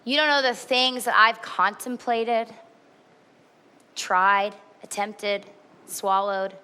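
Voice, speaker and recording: Bright-voiced woman preaching a sermon. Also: medium pitch. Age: 40s. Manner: earnest and candid, emphatic repetition. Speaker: pastor.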